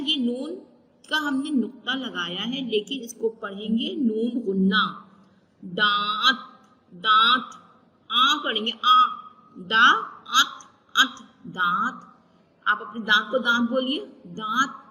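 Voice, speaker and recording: A woman's voice: fairly high pitch, sharp tone, long reverb tail, poor audio. A woman teacher giving a recorded class lesson, patiently spelling out letters and drawing out each sound.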